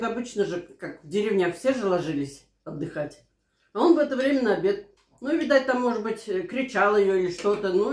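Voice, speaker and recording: An older woman in her sixties talks casually at the table, sharing everyday stories. Her voice sits at a middle pitch, and the room around it adds a noticeable echo. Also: a little mellow. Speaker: mukbang vlogger. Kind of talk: casual chat and anecdotes over a meal. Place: small living room at home, indoors. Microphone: camera across the table. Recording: roomy, echoing home room.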